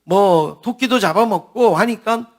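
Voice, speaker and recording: A man's voice: high-pitched, unhurried. A man preaching a sermon as a pastor, asking the congregation questions as he goes. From South Korea.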